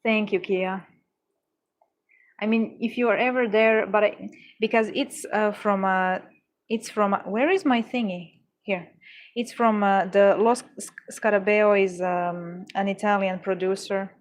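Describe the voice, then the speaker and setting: A woman's voice: medium pitch, fairly even intonation, measured pace. Gushing young woman livestreamer. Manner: gushing, exclamatory, with frequent stumbles and restarts. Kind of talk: casual chat with live viewers.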